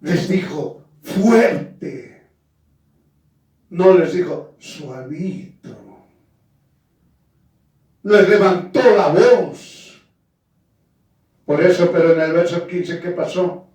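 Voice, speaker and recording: Guy preaching a slow firm sermon, talks to the "brothers", super echoey and far from the mic. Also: a little high, dark tone. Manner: addresses listeners as "hermano", firm emphatic preaching.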